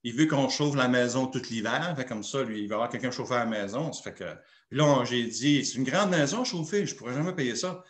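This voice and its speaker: A man's voice: mid-range voice, a little fast, echoey room. A man with a Québécois French accent, a pastor telling a personal story in a sermon and acting out the dialogue. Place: church.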